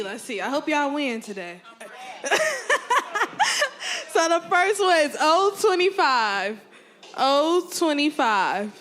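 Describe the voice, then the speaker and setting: A young woman calls bingo numbers into a handheld microphone in an indoor event hall, drawing out each call slowly and repeating it. Her voice sits high and swings widely in pitch as she laughs and teases the crowd. Faint music plays behind her. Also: fairly bright tone. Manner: slow, repeats every number, laughs often, jokes with the crowd. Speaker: bingo caller.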